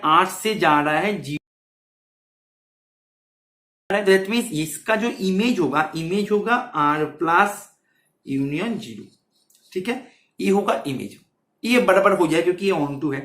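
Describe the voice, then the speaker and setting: In an echoey, roomy recording, a man with a high, animated, slightly bright voice teaches exam maths at a somewhat slow pace. He checks in with his students again and again and repeats phrases through his explanations.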